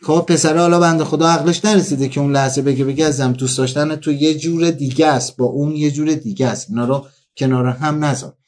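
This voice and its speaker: Man telling comic stories, slightly high voice. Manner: animated, acts out quoted dialogue. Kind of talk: comic storytelling monologue.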